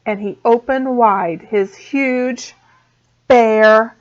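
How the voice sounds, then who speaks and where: A woman teacher reading a storybook aloud to small children, expressive and slow. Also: fairly high pitch. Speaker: preschool teacher. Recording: dull lo-fi sound.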